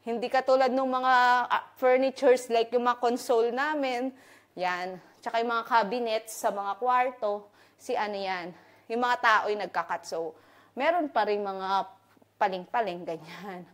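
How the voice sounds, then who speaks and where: Woman vlogger from the Philippines, slightly high voice, eager and chatty while walking through her new home, handheld mic. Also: a little slow. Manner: excited, chatty, filler-heavy, switching between Tagalog and English. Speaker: vlogger giving a house tour. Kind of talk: casual chatty house-tour vlog.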